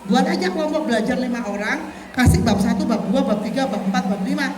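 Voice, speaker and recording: Lady giving a parenting talk, animated and jokey, big echoey hall. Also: a little high, quick pace, noisy background. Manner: animated, jokey, acts out mothers and children. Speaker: parenting seminar speaker. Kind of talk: lively seminar talk. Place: large lecture hall.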